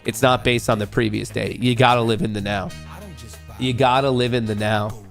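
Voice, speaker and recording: Addressing his chat directly, a young man runs a loose, jokey livestream, steady in tone and at a moderate pace. His medium-pitched voice sounds gravelly, with vocal fry and a slight nasal quality from a fading cold. Faint soft music sits in the background.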